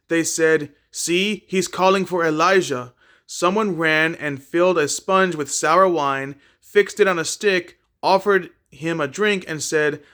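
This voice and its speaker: A man reading a Bible chapter aloud in a plain, unhurried way, with a few small slips and repeated words. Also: fairly high pitch, fairly bright tone, smooth. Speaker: scripture reader.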